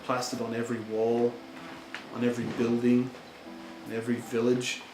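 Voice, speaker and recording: Here a man voices an indignant, earnest German-born immigrant begging for fair treatment in an amateur role-play monologue, his tone pleading. He talks at normal speed in a monotone, mid-range voice close to everyday, over music, in an echoey room with background noise.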